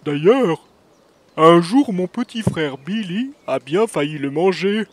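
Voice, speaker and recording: Man playing a big drawling moose, deep slow voice, laid-back and evasive, children's audio story. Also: expressive, dry recording, exaggerated voice. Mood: easygoing.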